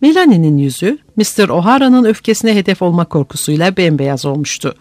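Expressive audiobook narrator, lively pitch. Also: a little fast, no room sound. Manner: expressive, dramatic reading.

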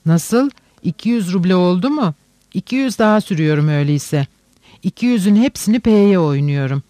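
A man doing a loud, reckless young gambler. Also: sits high, animated, no echo. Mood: agitated. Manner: loud, blustering, quick to shout.

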